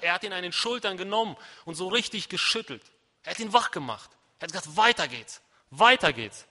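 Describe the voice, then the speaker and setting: A man preaching a sermon, shifting from quiet despairing prayer to loud emphatic proclamation. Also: high-pitched. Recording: long hall reverb.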